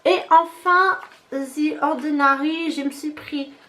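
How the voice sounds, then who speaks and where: A woman's voice: sits high, fairly even intonation, slow, heavy background noise. A woman in her thirties chatting casually to camera as a beauty vlogger, showing products one by one. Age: 30s. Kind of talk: casual haul chat.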